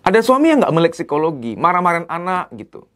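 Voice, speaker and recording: A man giving a lively psychology lecture as a therapist, emphatic and conversational. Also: on the high side, fast talker. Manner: animated, acts out quoted dialogue in other voices; colloquial, emphatic "gitu loh" asides.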